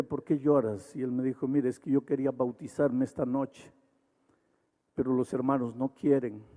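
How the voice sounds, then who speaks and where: An older man preaching an evangelistic sermon, switching between loud impassioned pleading and quiet storytelling, in a large arena. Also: mid-range voice. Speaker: pastor. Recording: long hall reverb.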